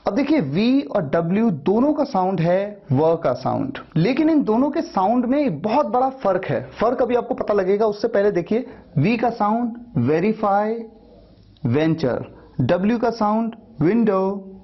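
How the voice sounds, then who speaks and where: A man teaching English pronunciation, patiently explaining and repeating example sounds slowly. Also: high-pitched, very animated, husky, highs cut off. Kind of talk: spoken language lesson.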